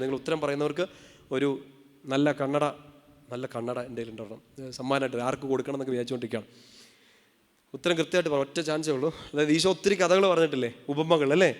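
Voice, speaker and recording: Male priest, rousing sermon, slightly high voice, long hall reverb. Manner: rousing, calls the crowd to say hallelujah; playful, quizzes the audience. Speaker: priest preacher. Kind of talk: sermon at a convention.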